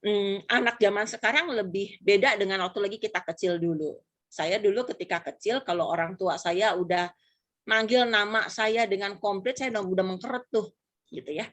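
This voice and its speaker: Brief: middle-aged woman, casual church talk guest, patient and explanatory, lively when quoting. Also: mid-range voice, normal speed. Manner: relaxed, explanatory, lively acted-out quotes. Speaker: pastor's wife and mother, guest.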